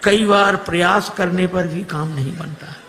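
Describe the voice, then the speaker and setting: A man telling a devotional story sermon, animated and acting out the characters' dialogue in shifting voices. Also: high voice, measured pace, slight background noise. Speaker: religious storyteller. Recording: long hall reverb.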